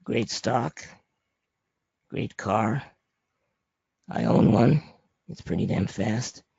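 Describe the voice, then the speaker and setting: A man with a raspy, papery, hoarse voice presenting an informal slide lesson as an instructor, plain-spoken and conversational. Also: on the low side, lively intonation, very slow, mellow, no echo. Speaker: trading instructor presenting a webinar. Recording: dry, muffled lo-fi audio.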